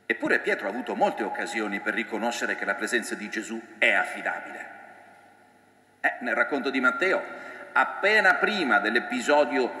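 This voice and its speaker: Bright-voiced priest preaching in an echoey church. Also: male voice, medium pitch, big pitch swings, normal speed. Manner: reflective, quotes scripture in dramatic voices. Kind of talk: sermon. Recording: echoey church with long reverb.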